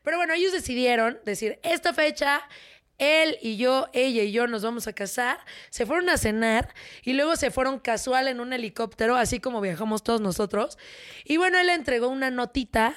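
Young mexican woman hosting a gossip show, high voice, jokey and teasing, throws in english words. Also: a bit bright. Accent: Mexican Spanish. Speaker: entertainment show host. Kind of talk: playful showbiz chat.

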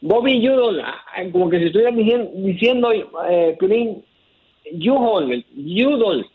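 High-voiced man on a tinny phone line. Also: lively intonation, unhurried, slightly rough. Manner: patient, explaining and correcting. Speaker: caller. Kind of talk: casual phone conversation. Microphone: telephone.

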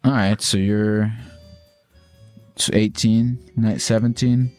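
A man's voice: fairly low pitch, fairly even intonation, slow pace, a little mellow, soft background music. A man hosting a podcast, talking to callers in a blunt, informal way. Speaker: podcast host. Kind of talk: casual call-in chat.

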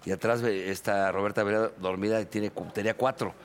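A Mexican man in a casual chat, telling an animated story and swearing freely. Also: fairly low pitch, brisk, slight background noise.

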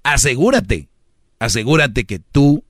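A man's voice: medium pitch, very animated, a little slow, no room sound, studio quality. A man giving mocking, preachy advice as a comedic radio host.

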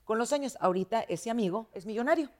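A woman's voice: on the high side, lively intonation, fast, darkish tone. A woman with a Mexican accent chatting casually, sharing a personal anecdote with sincerity. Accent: Mexican Spanish. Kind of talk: casual chat.

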